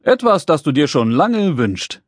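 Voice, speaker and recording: A man doing a calm, gentle dad. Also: fairly high pitch, a little slow, dry recording, studio quality. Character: kind, patient father. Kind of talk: children's audiobook character voice.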